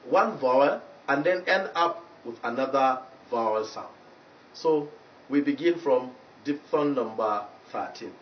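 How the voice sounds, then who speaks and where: A man with a Nigerian English accent teaching English pronunciation in a TV lesson, slowly repeating each example word. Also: fairly high pitch. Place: TV studio. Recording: roomy echo, distant mic, dull lo-fi sound, faint noise.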